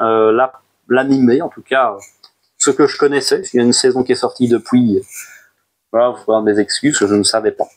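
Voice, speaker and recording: A man in a relaxed video review of his manga buys, talking at a middling pitch. He rambles in a friendly way, jumps up in pitch whenever he moves on to the next title, and drops in teasing little jokes along the way. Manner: chatty and animated, jumps up in pitch on new titles, playful asides. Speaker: manga collection YouTuber. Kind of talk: casual monthly haul review.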